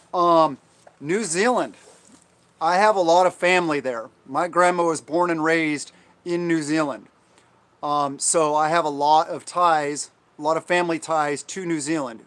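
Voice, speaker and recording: An American man hosting a casual livestream, answering viewer comments in a halting, rambling way, often trailing off and restating himself. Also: fairly high pitch, fairly bright tone. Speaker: livestream host.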